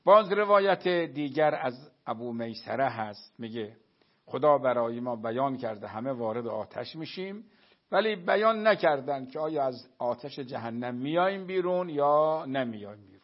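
A man giving a religious lecture, telling narrations to his listeners and reciting Arabic quotations slowly. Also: medium pitch, lively intonation. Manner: storytelling, addresses listeners as dear friends. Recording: dull lo-fi recording.

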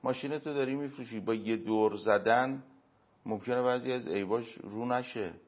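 A man answering as an interview guest, giving earnest moral and religious advice through everyday examples, with emphatic pauses. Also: medium pitch. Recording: dull lo-fi recording.

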